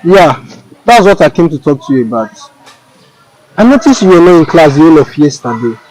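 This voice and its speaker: A man playing a caring young schoolmate who talks in a gentle, coaxing way. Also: on the high side, lively intonation, fairly quick, close to an everyday voice, rough recording. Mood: apologetic. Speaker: student.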